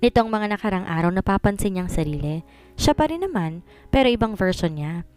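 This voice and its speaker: A woman reading a serialized romance story aloud, in a steady narrating manner. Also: medium pitch, fairly quick, clear, resonant tone, no room sound. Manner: steady, mixing two languages.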